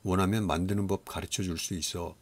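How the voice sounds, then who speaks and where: A man's voice: sits low, steady tone, fairly quick. A man voicing a cheerful, friendly father in a storybook reading.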